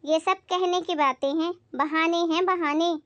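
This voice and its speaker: A self-righteous, sharp-tongued mother-in-law, voiced by a woman in a home comedy skit. She scolds in a very high voice. The sound is close and dry, with no room echo. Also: fairly even intonation, unhurried, lo-fi sound. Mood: scolding. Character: nagging scolding middle-aged mother-in-law.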